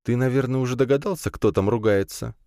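A man's voice: fairly low pitch, very animated, normal speed, dark tone, dry recording, clean studio sound, voice pushed up. A man voicing a reserved, somewhat awkward young woman who answers briefly and evasively. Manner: terse and evasive.

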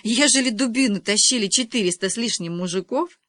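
A woman reading an audiobook, voicing a calm, wry father who explains his joke in a deadpan, patient way. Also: a little high, a little fast, no echo, voice pushed up, lightly acted. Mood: dry. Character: calm, wry middle-aged father, dry joker.

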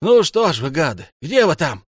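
A man reading an audiobook voices a reckless, defiant young man who shouts and curses, with a dry, close sound. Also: fairly high pitch, big pitch swings, moderate pace, no room sound, pitched above the performer's own voice. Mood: furious. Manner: shouting, rough, cursing.

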